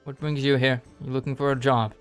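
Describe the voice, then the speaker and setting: A man voicing a brisk noblewoman official in a tabletop game, asking questions. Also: medium pitch, flat delivery, smooth, faint music behind, lightly acted.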